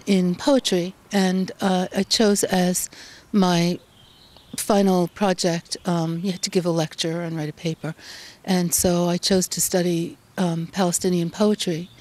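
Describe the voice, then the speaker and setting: Mellow-voiced woman journalist, measured. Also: fairly low pitch. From Canada. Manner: measured, thoughtful, frequent ums. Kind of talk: interview answers.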